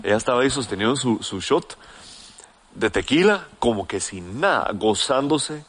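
A young man telling a story in casual, slangy chat, animated and full of restarts. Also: medium pitch, moderate pace.

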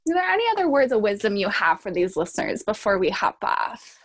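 A woman's voice: medium pitch, very animated, a little fast. A woman hosting a podcast in a casual, chatty interview style, informal and a little self-deprecating. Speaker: podcast host.

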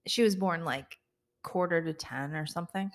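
A woman in her forties co-hosts a podcast in relaxed chat. She teases with a dry, deadpan touch, and her voice sits on the low side. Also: normal speed. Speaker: podcast co-host. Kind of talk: casual chat.

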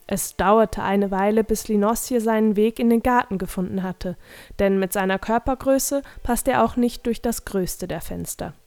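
A woman narrating a storybook in a calm, even manner. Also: medium pitch, normal speed, soft background music. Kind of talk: storybook reading.

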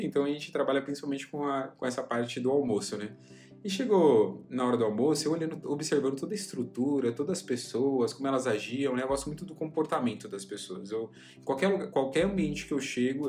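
A man's voice: mid-range voice, a little mellow. Chatty young man, self-mocking. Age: young adult. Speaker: podcast host. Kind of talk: casual monologue.

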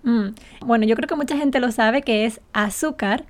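A woman's voice: a little high, normal speed. A woman co-hosting a casual podcast, explaining words patiently and laughing often. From Canary Islands. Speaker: podcast co-host and Spanish teacher. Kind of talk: casual chat.

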